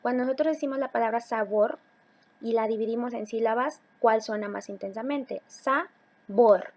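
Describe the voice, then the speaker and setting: A woman teacher giving a recorded slide lesson, talking patiently to her students and slowing down on key words. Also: fairly high pitch, darkish tone. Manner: patient, addresses students directly, slows to stress key words.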